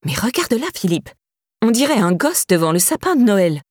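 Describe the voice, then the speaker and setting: A woman's voice: medium pitch, sing-song, a little fast, no echo, clean studio sound. A woman voicing a scornful, hard-faced stepmother who sneers and needles. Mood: contemptuous.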